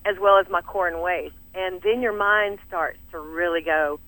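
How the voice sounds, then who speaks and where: Animated Southern woman, upbeat and dry. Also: on the low side, moderate pace, no echo, poor audio. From American South. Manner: energetic, animated, laughs often. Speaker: fitness studio owner, interview guest. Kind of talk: enthusiastic interview talk.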